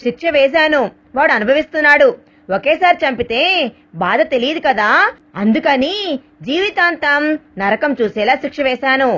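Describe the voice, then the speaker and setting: A woman voicing a stern, brooding young husband who speaks calmly and curtly, in a storybook reading. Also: high-pitched, normal speed, pauses often, muffled recording.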